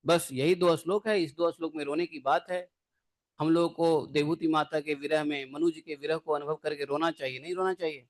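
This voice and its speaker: A man's voice: fairly high pitch, fairly even intonation, brisk. A man giving a devotional scripture lecture in a conversational way, asking his class rhetorical questions and adding playful asides.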